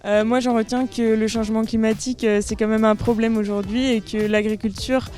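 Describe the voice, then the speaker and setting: A young woman who studies agriculture, speaking in a casual testimonial with halting phrasing. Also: a little high, flat delivery, music in the background. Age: young adult. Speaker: agriculture student.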